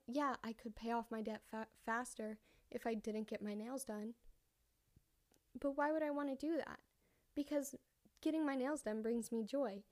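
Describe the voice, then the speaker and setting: Young woman chatting on her podcast, kinda breathless, rambly, higher voice. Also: a little mellow. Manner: rambling, self-correcting, conversational. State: a bit out of breath. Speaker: podcast host. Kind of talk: casual solo podcast monologue.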